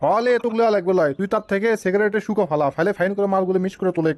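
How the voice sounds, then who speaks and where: In a comic cartoon, a man voices a boastful, grumbling small-town stoner uncle in rural dialect with a northern Bangladeshi accent. His high, rapid-fire delivery has a darkish tone and a lightly acted, bantering, fussy mood, with a little hiss or hum in the background.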